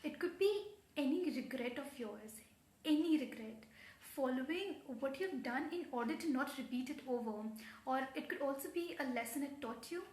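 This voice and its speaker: A young woman with an Indian accent speaks in a high voice, with the poised, earnest delivery of a pageant contestant answering judges. She is giving instruction in a formal, carefully worded way. The sound is roomy and echoing. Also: expressive, normal speed, darkish tone. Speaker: pageant coach giving tips.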